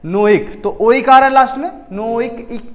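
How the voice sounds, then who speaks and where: A man's voice: extremely high pitch, a little slow. A man teaching a chemistry lesson in casual classroom talk, who asks a question and then answers it himself, repeats key words, and often corrects his own slips. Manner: frequent self-corrections.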